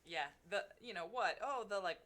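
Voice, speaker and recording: A young woman casually retelling a tabletop game as a player, in a halting, wry, sarcastic way. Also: mid-range voice, fairly bright tone. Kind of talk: casual storytelling chat.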